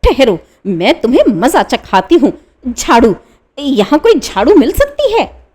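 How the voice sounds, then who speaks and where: A woman's voice: high-pitched, huge pitch swings, unhurried, husky, heavily acted. A woman doing a furious broom-wielding wife. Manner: shouting demands. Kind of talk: one-reader radio play.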